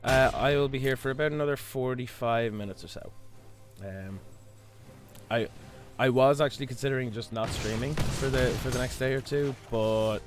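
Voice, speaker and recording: A hoarse Irish man with his voice stuck low, chatting casually while live-streaming a game, rambling with lots of fillers and restarts. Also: normal speed, soft background music. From Ireland. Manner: rambling, many fillers and restarts, chuckles often.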